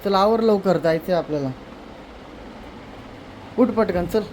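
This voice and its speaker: A man's voice: high-pitched, measured pace, darkish tone, a little hiss or hum. Teasing male vlogger at home. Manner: teasing and cajoling. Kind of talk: casual family prank vlog. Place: indoors at home.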